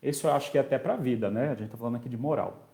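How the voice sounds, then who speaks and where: A man teaching an online parenting course in a warm, mellow voice. He talks conversationally, reads viewers' comments aloud and replies, and keeps checking in with his audience. The sound is roomy, with a clear echo off the walls. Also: mid-range voice, rapid-fire. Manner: checks in often with tag questions. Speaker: special education teacher. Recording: echoey room.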